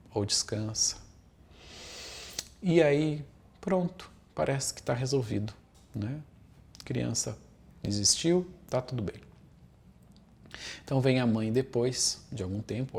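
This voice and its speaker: A man talks as a therapist, laying out his ideas one step at a time. His voice sits at an ordinary middle pitch. He keeps checking that the listener follows and repeats words to drive a point home. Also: gravelly, darkish tone. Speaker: family constellation therapist. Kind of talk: explanatory talk to camera.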